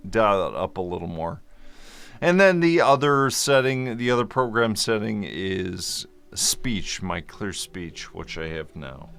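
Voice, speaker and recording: A man of medium pitch, his tone smooth and fairly bright, explains a topic to camera in a relaxed vlog. The microphone sits in front of him, and he corrects himself along the way while throwing in the occasional joke.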